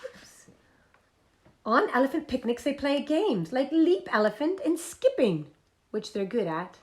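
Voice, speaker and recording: In an echoey room, a woman with a high-pitched voice runs a toddler group at normal speed. She coaxes the children through songs and movement games and reads picture books aloud in an animated sing-song style.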